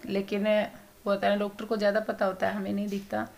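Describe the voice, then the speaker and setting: A woman giving a soft-spoken, worried family update in a casual vlog, rambling on in long runs. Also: mid-range voice, completely flat delivery, fast talker, creaky. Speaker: vlogger.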